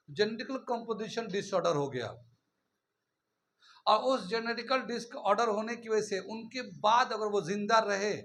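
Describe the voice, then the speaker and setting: A man's voice: sits high, fairly bright tone, a little hiss or hum. A man teaching a physics lecture, explaining step by step and often checking with his students. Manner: explains in Hindi mixed with English terms, often checks with "ठीक है ना". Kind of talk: classroom lecture.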